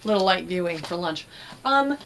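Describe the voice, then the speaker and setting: A woman's voice: on the low side, animated, moderate pace, fairly bright tone. Middle-aged woman chatting, faint background noise. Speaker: host giving nutrition commentary. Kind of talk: casual informative talk to camera. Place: indoor room with bookshelves.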